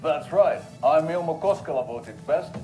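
An actor playing a tour guide in a cheesy local TV commercial, with a stilted, theatrical sales pitch. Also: male voice, expressive, normal speed, lightly acted, rough recording. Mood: salesy. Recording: TV commercial with music behind.

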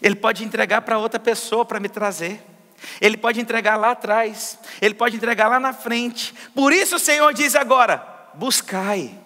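High, bright preaching man in a hall. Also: normal speed. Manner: preaching with emphatic questions and answers to the congregation. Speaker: pastor. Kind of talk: sermon. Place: church service.

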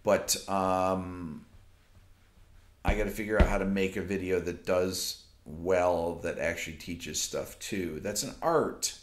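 There is noticeable background noise as a laid-back man in his fifties, low-voiced and slow-paced, hosts a casual late-night livestream for his YouTube music channel. He reads viewer questions aloud from his phone and gives meandering answers full of ums. He sits at a desk in his home studio with amplifier stacks, recorded by an off-camera mic with roomy sound.

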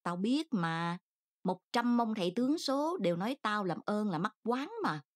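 A woman's voice: medium pitch, lively intonation, moderate pace, natural voice. A woman reading an audiobook, voicing an older aunt who scolds harshly and reproachfully. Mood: scolding.

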